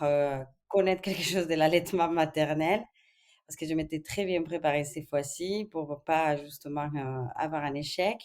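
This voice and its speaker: A woman from Spain with a low voice talks as a guest on a podcast. She speaks in a thoughtful, hesitant way, pausing often with fillers, in a relaxed interview setting. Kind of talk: casual interview.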